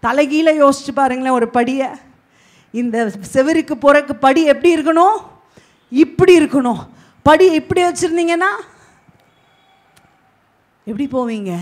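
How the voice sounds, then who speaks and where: A woman pastor preaching a sermon with emphatic delivery, swinging between loud and hushed. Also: high-pitched, unhurried, long pauses. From Tamil Nadu, India.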